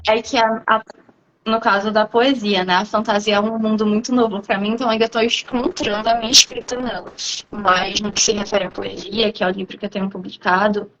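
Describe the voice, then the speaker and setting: A woman with a Brazilian Portuguese accent, a guest poet in a live online interview, explaining her writing thoughtfully and at length with frequent pauses. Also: medium pitch, level tone, a bit bright, muffled recording.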